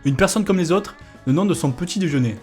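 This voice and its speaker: Brief: joking gamer guy, a touch high-pitched, headset commentary over faint music. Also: expressive, quick pace, darkish tone, breathy edge. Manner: joking, self-mocking, chatty asides. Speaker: gaming YouTuber. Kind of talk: casual quiz-game commentary. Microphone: gaming headset.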